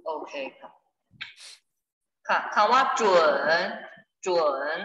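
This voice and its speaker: A woman's voice: drawn-out words, bright, forceful tone. A woman teaching a classroom vocabulary lesson, explaining patiently and repeating examples, recorded from a distance in a school classroom. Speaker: Chinese language teacher. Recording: echoey classroom, far off, dull.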